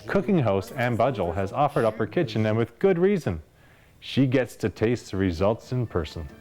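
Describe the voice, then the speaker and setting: A man's voice: fairly low pitch, sing-song, normal speed, a little mellow. A man hosting a television program, reading a scripted preview of the next episode. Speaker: show host. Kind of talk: scripted narration.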